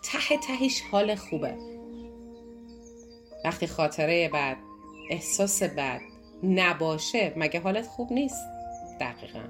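A woman teaching an NLP course in a lively, animated way, asking her listeners questions and answering them herself. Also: fairly low pitch, long pauses. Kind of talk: motivational lesson talk. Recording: clear background music under voice.

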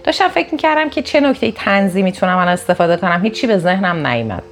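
A woman giving a recorded self-help lesson in a conversational way, deliberately raising and lowering her tone as she talks. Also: lively intonation, a little hiss or hum. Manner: deliberately varies tone and loudness, conversational. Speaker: self-help course teacher.

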